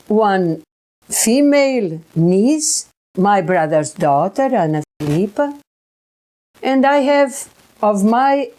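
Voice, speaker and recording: A woman, telling her own experiences in a halting way, often repeating and restarting words. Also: mid-range voice, warm tone. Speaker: researcher sharing experiences. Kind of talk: personal recollection monologue.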